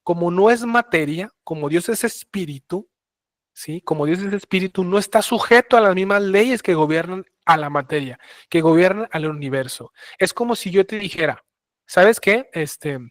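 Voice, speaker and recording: A man's voice: sits high, lively intonation, no room sound, studio quality. Man teaching a Bible lesson. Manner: explains slowly, many restarts and fillers. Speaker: preacher.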